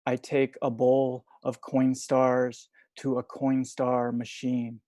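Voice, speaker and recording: A young man reading poetry over a video call from home, soft-spoken and hesitant between poems. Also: medium pitch, completely flat delivery, slow pace, no room sound. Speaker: poet reading at a livestream.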